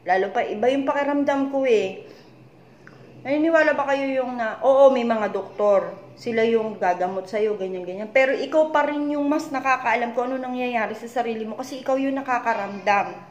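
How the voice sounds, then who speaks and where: Worried Filipina mom vlogger, echoey room. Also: female voice, a little high, normal speed. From Philippines. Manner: retells conversations, repeatedly tagging them with "she said"; worried, confiding tone. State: voice low and weak. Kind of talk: personal story-time vlog. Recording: echoey room with faint background noise.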